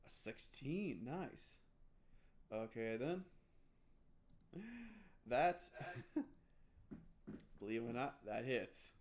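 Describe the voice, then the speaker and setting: A man's voice: mid-range voice, lively intonation, darkish tone. A young man narrating a tabletop game as game master, stumbling over words and restarting often. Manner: halting, many restarts and fillers.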